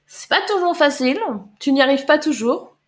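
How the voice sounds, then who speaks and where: A woman coach on a live stream, taking viewers' chat questions one by one. Her voice sits a bit high, and she talks loosely, repeats words and pauses on fillers. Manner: chatty, loose, repeats words and fills with euh. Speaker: life coach.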